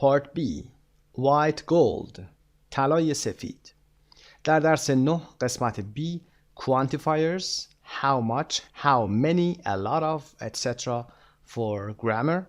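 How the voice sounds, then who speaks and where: A man who speaks Persian natively, with a Persian accent, teaches from an English textbook at a middle pitch. He reads the English words slowly and with care, then gives the Persian explanations in fast bursts. He sounds like a teacher going through a lesson step by step. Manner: slow, drawn-out English phrases.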